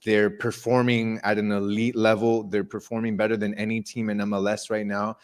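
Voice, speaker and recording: Emphatic man with a lowish voice. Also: flat delivery, normal speed. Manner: emphatic, repeats words, confident predictions. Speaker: sports show co-host. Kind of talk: casual live-stream chat.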